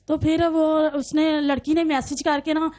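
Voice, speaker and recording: A woman, a guest in a TV studio, recounting her own story in a halting, fragmented way, often repeating herself. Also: high-pitched, level tone, darkish tone. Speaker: guest on talk show. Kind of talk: recounting personal story in interview.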